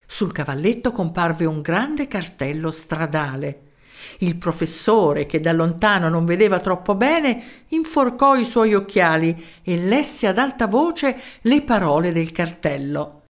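Expressive woman reading a children's story. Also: on the low side, a little slow. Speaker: narrator.

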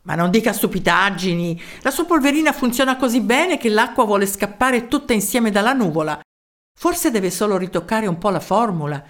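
A woman voicing a jolly male village mayor in a storybook, brisk and hearty. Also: mid-range voice, animated, natural voice. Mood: kindly.

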